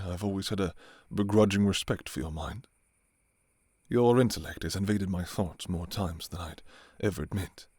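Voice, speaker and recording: A man playing a courtly, restrained vampire king in an intimate ASMR role-play, speaking formally and softly with some hesitation. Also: sits low, husky, no echo, clean studio sound. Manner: formal, archaic, hesitant, soft-spoken. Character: courtly adult male vampire king, restrained, yearning for his enemy.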